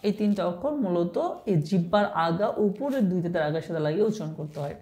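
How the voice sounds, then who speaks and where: Woman, lowish voice, patient letter-by-letter teacher, reverberant room. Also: expressive, dark tone. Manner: patient, demonstrates letters slowly, asks "right?" often. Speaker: Quran reading teacher. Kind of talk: online Arabic letter pronunciation lesson. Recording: echoey room.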